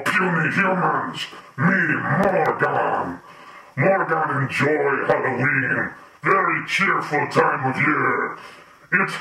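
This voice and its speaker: Guy doing a big dumb monster voice, gravelly, talks super slow and broken, kinda far from the mic. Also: fairly high pitch, sharp tone, reverberant, full character voice. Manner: slow, broken caveman grammar, chuckling. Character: hulking male monster, crude broken speech.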